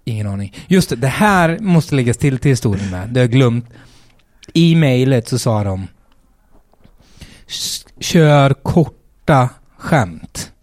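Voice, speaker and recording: A man's voice: mid-range voice, sing-song, a little mellow, no room sound, studio quality. A man, a stand-up comedian telling a story in casual chat, swearing freely and acting out the quotes.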